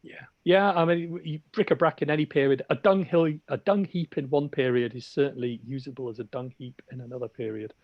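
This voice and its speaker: A man's voice: medium pitch, steady tone, fairly quick, hardly any pauses, no echo, muffled recording. A man hosting a casual hobby podcast over a remote call, with dry, teasing humour. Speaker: podcast host. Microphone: remote call mic.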